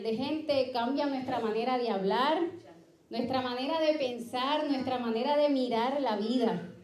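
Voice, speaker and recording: A woman's voice: high voice, darkish tone, reverberant. A woman from Puerto Rico with a Puerto Rican accent, preaching an earnest sermon and often checking in with her listeners. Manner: earnest, keeps asking ¿verdad?, storytelling asides. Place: church sanctuary.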